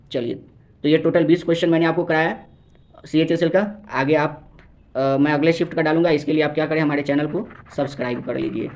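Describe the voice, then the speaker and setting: A man teaching an exam-prep English lesson, asking the viewer questions and answering them, reading English sentences out slowly. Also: on the high side, darkish tone. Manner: repeats key words as questions to the viewer.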